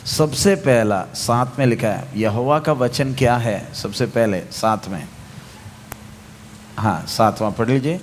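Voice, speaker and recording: A man's voice: medium pitch, slow pace, a little hiss or hum. A male preacher delivering a sermon, firing questions at the congregation and repeating key phrases for emphasis. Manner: asks the congregation questions and waits for answers.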